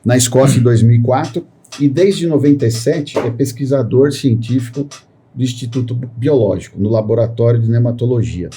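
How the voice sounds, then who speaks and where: In this podcast conversation, the male host's medium-pitched, dark voice moves at a normal speed over slight background noise. He rambles in lengthy sentences, forever adding the tag filler "né."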